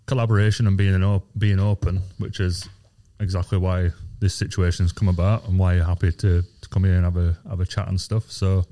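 Casting: male podcast host, very deep and monotone, calm and a bit hesitant. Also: brisk, hardly any pauses. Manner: calm, hesitant, repeats words. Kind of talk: casual podcast chat.

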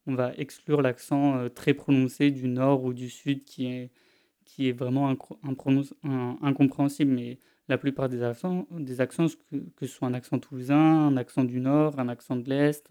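A man's voice: mid-range voice, mellow. A young man from France hosting a casual solo language-learning podcast, speaking informally to the listener with frequent restarts and fillers.

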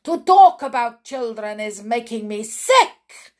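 A woman voicing a screaming, tyrannical old female witch leader who rants slowly and loudly. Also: a little high, expressive, pitched above the performer's own voice, heavily acted. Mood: ranting. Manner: shrieking, ranting, slow and loud.

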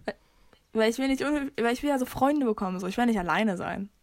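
A woman's voice: a little high, expressive, quick pace, a little mellow, dry recording. A young woman co-hosting a casual podcast chat, bubbly and giggly, dropping English words into her talk. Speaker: podcast co-host. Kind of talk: casual chat, reading a quiz aloud.

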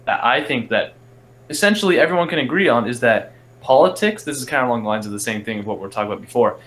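Young male co-host, even mid voice, measured delivery, faint hum. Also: medium pitch. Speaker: podcast co-host. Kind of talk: casual chat.

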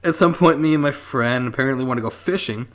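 A man in his twenties reading a story aloud on a casual podcast, laid-back and quick to laugh, swearing freely. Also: mid-range voice, fairly bright tone.

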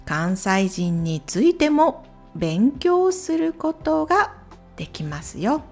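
A woman speaking slowly and clearly in simple phrases, recommending channels with gentle asides. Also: high-pitched, sing-song, soft background music. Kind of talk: slow, clear talk for Japanese learners.

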